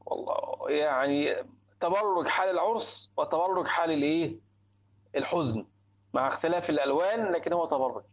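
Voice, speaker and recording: An Islamic teacher with an Egyptian accent explains a hadith text in a fairly high, husky voice at a fairly quick pace. He often poses rhetorical questions and answers them himself, and the recording sounds tinny, like a phone.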